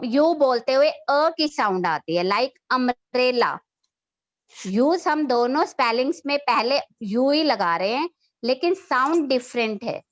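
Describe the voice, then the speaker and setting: A woman schoolteacher giving an online English grammar class, speaking slowly and patiently, repeating points and checking that students follow. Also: sits high, dull audio, slight background noise. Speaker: school teacher. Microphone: online class, computer mic.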